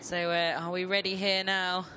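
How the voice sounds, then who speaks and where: A woman's voice: lowish voice, level tone, moderate pace. A woman giving informal, conversational analysis as a co-commentator on live motorcycle racing. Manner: chatty, informal, loosely phrased. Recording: very loud engine and trackside noise. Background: motorbike engines, outdoor race ambience.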